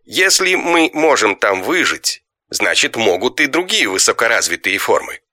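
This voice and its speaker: Brief: narrator putting on a keyed-up explorer in a storybook, lifted pitch. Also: male voice, very animated, normal speed, bright, forceful tone, no echo, clean studio sound. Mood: musing. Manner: agitated. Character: excitable male space explorer.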